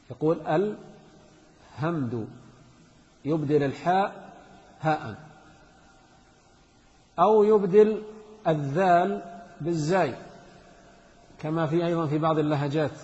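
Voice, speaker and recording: A man's voice: fairly high pitch, a little mellow. A man teaching a jurisprudence text to students, reading a passage and then explaining it with examples and repetition. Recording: dull reverberant hall sound.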